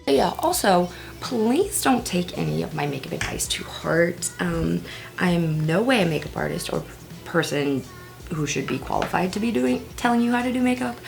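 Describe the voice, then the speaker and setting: A woman in her early twenties talks through her get-ready-with-me routine at home while applying makeup, with self-deprecating humor and whispered asides. She speaks at normal speed in a fairly low, gravelly voice with lively intonation, over soft background music.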